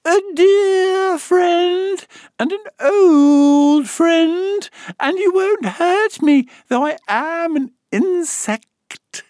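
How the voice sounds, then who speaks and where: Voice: extremely high pitch, very slow, a little mellow, no echo, clean studio sound, pitched above the performer's own voice, full character voice. A performer voicing a tiny, unhappy insect, timid and pleading, in a storybook reading.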